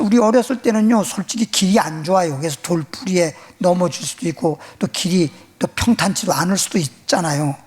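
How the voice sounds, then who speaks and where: High-voiced preaching Korean pastor, man. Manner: animated folksy preaching with rhetorical questions to the congregation. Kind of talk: sermon. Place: church sanctuary.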